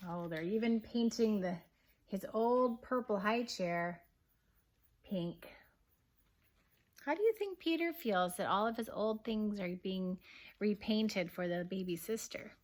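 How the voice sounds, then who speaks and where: Her voice sits in the mid range as this kindergarten teacher reads a picture book to little ones with gentle expression. Along the way she pauses to put questions to the children.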